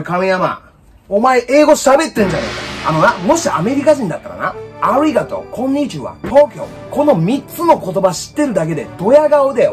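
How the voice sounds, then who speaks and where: Japanese man, bossy comic teacher, lively swinging delivery, light music behind. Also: very high-pitched. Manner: brash, rough-spoken, bossy teacher act. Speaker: comedic English teacher. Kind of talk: comedic lecture to camera.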